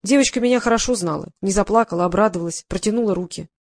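A man's voice: high-pitched, racing, no room sound. A woman reading an audiobook, voicing a guilt-ridden middle-aged male psychotherapist who mumbles defensively through his confession. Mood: confessing.

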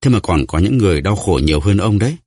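A man voicing an indifferent bandit chief who speaks in a detached, offhand way, with a low husky voice. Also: lively intonation, quick pace, darkish tone, no echo, studio quality. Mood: cold.

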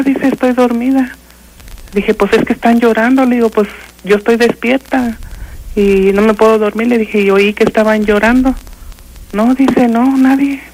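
An older woman with a Mexican accent, calling in to a radio show and haltingly telling a ghost story, full of fillers and restarts. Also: on the high side, a little mellow, poor audio. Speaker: caller.

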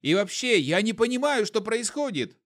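A man voicing a cowardly old male potion peddler with a hoarse, whining voice, pleading and drawn out. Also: sits high, very animated, normal speed, fairly bright tone, voice pushed up. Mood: bewildered pleading.

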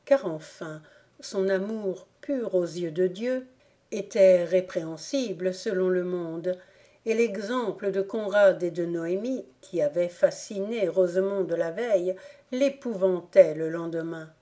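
A woman reading a classic novel aloud as an audiobook narrator, in a slow, deliberate manner. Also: fairly low pitch, dark tone. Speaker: audiobook reader. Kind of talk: scripted narration.

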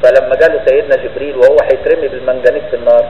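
Talking very fast in a steady, medium-pitched tone, a man with an Egyptian Arabic accent gives a conversational religious lesson and keeps checking his listeners' understanding. He is a religious teacher, recorded in a roomy space with a long reverb tail, cut-off highs and slight background noise.

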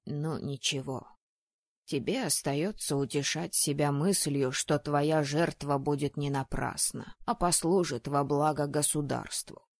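Lady doing a cranky old ghost dad, low and gruff, loud scolding, dry sound. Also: steady tone, unhurried, dry recording. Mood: mournful. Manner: cantankerous, scolding. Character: grumpy old male ghost, a fussy disapproving father.

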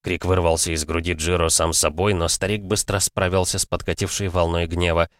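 Deep-voiced male fantasy narrator. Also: flat delivery, fairly quick, dry recording, clean studio sound. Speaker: audiobook narrator. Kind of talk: first-person fantasy narration.

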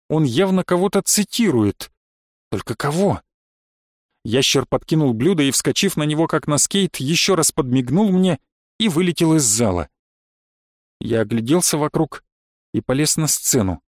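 Male audiobook narrator, dry studio, fairly high voice. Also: no echo. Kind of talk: first-person audiobook narration.

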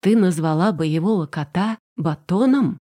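A woman's voice: on the low side, expressive, a little slow, dark tone. A woman voicing a commanding, exasperated young emperor in an audiobook, with a reproachful manner. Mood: stern. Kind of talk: audiobook character reading.

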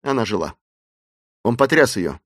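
A man narrating an adventure novel as an audiobook in a steady, expressive storytelling voice. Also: mid-range voice, normal speed, husky, dry recording, studio quality.

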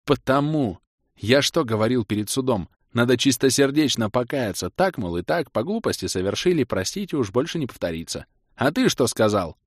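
Male narrator as a gruff prisoner, bass growl, reproachful, dry recording. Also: expressive, normal speed, dry recording, lightly acted. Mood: grumbling.

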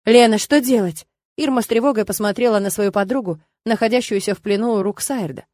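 A woman narrating a romance audiobook in an even, measured storytelling manner. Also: medium pitch, no room sound, clean studio sound. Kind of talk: scripted narration.

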